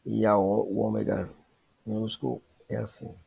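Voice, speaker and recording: A man teaching a Greek lesson, explaining slowly and checking in with frequent tag questions. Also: lowish voice, monotone, creaky, mellow, husky. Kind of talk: classroom lesson.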